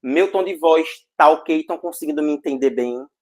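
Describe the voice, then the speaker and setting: A man teaching a physics class online, energetic and jokey, full of slang and check-ins with the students. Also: a little high, moderate pace.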